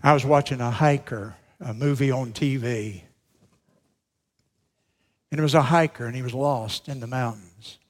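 A middle-aged male pastor preaching a sermon, swinging between loud, emphatic lines and hushed, slowed-down phrases. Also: mid-range voice. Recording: long reverb of a large hall.

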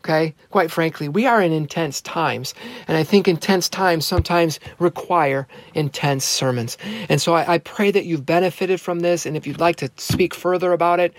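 A man preaching a sermon as pastor, earnest and emphatic, slowing down to stress key words and repeating phrases for effect. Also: on the high side, no echo.

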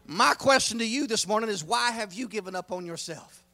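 A preacher man, delivering a folksy sermon that swings from hushed talk to shouting. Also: high voice, expressive, a little hiss or hum. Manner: fervent, swings from hushed to shouting, drawn-out emphasis; folksy, frequent "uh" fillers.

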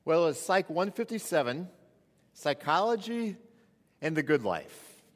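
A man's voice: a little high, very animated, measured pace. Man preaching at a pulpit microphone, reverberant. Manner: conversational preaching with restarts. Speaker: pastor. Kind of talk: sermon. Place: church sanctuary. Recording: long reverb of a church hall.

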